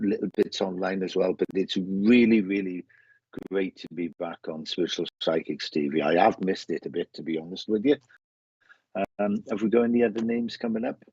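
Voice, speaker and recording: A Welsh-accented man hosts a live online show as a medium, chatting casually, greeting viewers, rambling, and often repeating his phrases. His low voice is mellow with a breathy edge, and the stream audio sounds muffled and roomy.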